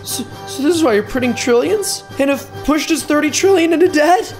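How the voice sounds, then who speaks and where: A jittery young staffer in a cartoon, voiced by a woman, stammering and confused, her voice high and bouncing around. Soft music sits underneath. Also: lively intonation, brisk. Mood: nervous.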